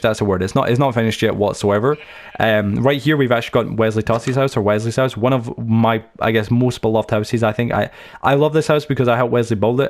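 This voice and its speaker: A young man talks quickly through a let's-play tour of his game world. His voice sits low, and he rambles from story to story with plenty of fillers and restarts. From United Kingdom. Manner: chatty, anecdotal, many fillers and restarts. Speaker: gaming channel host.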